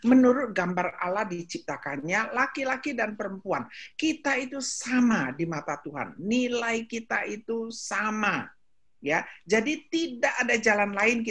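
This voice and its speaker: A woman's voice: on the low side, a bit bright, breathy edge. An older woman giving a chatty, storytelling sermon to a women's meeting, slipping into English phrases now and then. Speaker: speaker at a women's ministry meeting.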